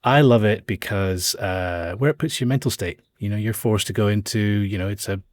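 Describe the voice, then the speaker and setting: Chill low-ish guy, podcast host, short easy answers, dry mic. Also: normal speed, dry recording. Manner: relaxed, brief answers and backchannel hums. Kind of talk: casual chat.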